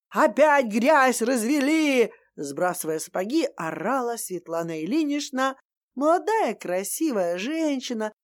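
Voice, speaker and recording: A woman storyteller reading a comic story in a wry, expressive manner. Her voice sits a little high and swings widely in pitch, and she takes her time over each phrase. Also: no room sound, studio quality.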